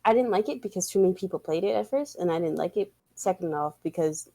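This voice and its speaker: Animated woman chatting on a podcast. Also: fairly low pitch, quick pace. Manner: animated, laughing, acts out quotes, swears freely. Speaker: podcast co-host. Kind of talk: casual chat. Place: home setup on a live stream.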